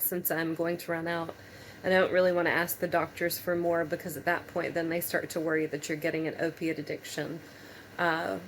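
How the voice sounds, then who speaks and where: A woman talking casually in a personal vlog, tired and low on energy as she recovers from surgery, with halting speech and long pauses. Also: slight background noise, poor audio. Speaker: patient vlogger.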